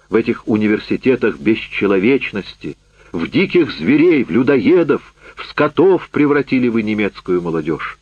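A man's voice: on the low side, breathy edge, no room sound. A man voicing a furious, accusing camp survivor. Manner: loud, heated, accusing. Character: bitter, worn-out man just back from a camp. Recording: dull, dry lo-fi recording.

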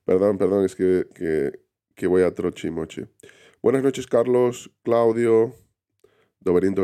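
Deep-voiced man chatting on a live stream. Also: warm tone, clean tone. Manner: rambling, reads viewer names aloud, many restarts. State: unwell, recovering from illness. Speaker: livestream host reading chat. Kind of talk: casual live stream chat.

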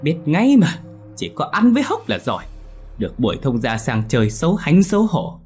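A man voicing a sharp-tongued middle-aged village mother who curses and scolds in a shrill voice. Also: very animated, moderate pace, faint music behind, close to an everyday voice. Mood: angry scolding.

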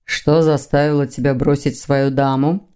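A woman reading an audiobook, voicing an older male demon, a rector and father who speaks in a dry, mocking, measured way. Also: very deep voice, little pitch movement, warm tone, smooth, pitched below the performer's own voice.

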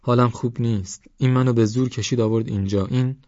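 Narrator doing a young village woman, sharp-tongued and indignant, pitched up, loud-ish, dull dry recording. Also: steady tone, no room sound, close to an everyday voice. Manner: sharp, cursing.

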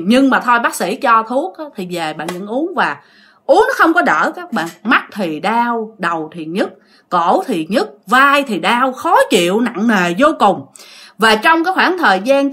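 Lively Southern Vietnamese woman storyteller. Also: medium pitch. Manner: chatty, addresses listeners directly. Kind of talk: telling a ghost story.

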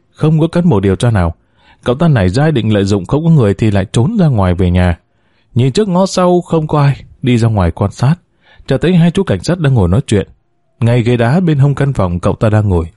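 Man, storyteller, family drama narration, mellow tone, dry close sound, voices all characters. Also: mid-range voice, dry recording. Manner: voices every character himself.

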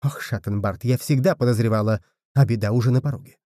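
A man's voice: mid-range voice, fast, warm tone, no room sound, clean studio sound, natural voice. A man voicing Bedda, a grieving, reproachful older widowed mother who laments and scolds. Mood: lamenting.

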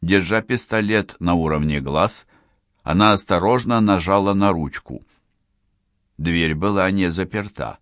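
A man reading a crime thriller as an audiobook narrator, measured and expressive. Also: low voice, no echo, studio quality. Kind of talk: scripted narration.

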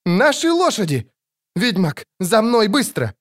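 A man's voice: mid-range voice, lively intonation, quick pace, mellow, no room sound, clean studio sound, lightly acted. A man voicing a blunt, tough young woman archer who talks curtly. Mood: urgent shout. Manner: curt, grumbling.

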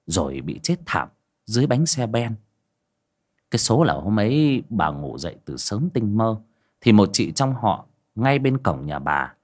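Lively male horror storyteller. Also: on the low side, breathy edge. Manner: lively, dramatic narration. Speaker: audiobook narrator. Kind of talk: storytelling narration of a horror tale.

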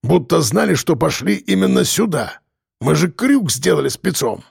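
A man growling as a gravelly bearded biker. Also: fairly high pitch, sing-song, normal speed, a little mellow, dry recording, studio quality, heavily acted. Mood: irritated. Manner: growling, cursing. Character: angry foul-mouthed bearded biker man. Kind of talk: audiobook character voice.

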